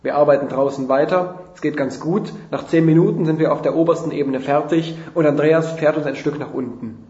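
A man's voice: a little high, fairly even intonation, brisk, darkish tone. A man reading a funny first-person story aloud in a dry, mock-dramatic way. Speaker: reader of a humorous story. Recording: roomy, dull lo-fi sound.

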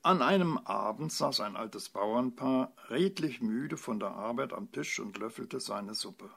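Märchen vorlesender Mann mit rauer Stimme. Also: male voice, mid-range voice, measured pace, creaky, husky. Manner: expressive, playful narration. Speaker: storyteller. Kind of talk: storybook reading.

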